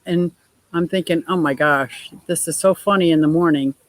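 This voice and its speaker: A woman in her sixties with a low voice runs a casual livestream at a moderate pace. She goes through viewer comments, frequently breaking into laughter and gushing in a playful manner.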